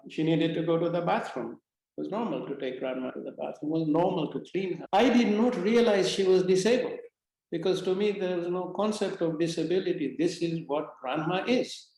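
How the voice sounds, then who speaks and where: Male interview guest, measured reflective storyteller, mellow dark tone, very echoey room. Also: fairly high pitch, creaky. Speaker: interview guest, spiritual mentor.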